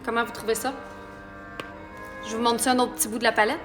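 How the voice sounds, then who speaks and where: A woman's voice: a little high, level tone, a little fast, music in the background. A woman with a Québécois accent giving a chatty live makeup tutorial and talking viewers through each step. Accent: Québécois French. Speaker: makeup artist.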